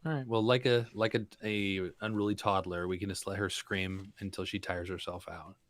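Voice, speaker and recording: Low-voiced man playing a tabletop game. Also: level tone, moderate pace, fairly bright tone. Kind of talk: casual table chat.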